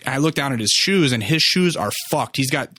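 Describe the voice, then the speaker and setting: A man's voice: medium pitch, lively intonation, a little fast, pushed and bright, no echo, studio quality. A young man hosting a podcast, telling a long personal story in a loose, rambling way, cursing often and restarting his sentences. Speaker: podcast host. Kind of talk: casual storytelling monologue. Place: Los Angeles apartment.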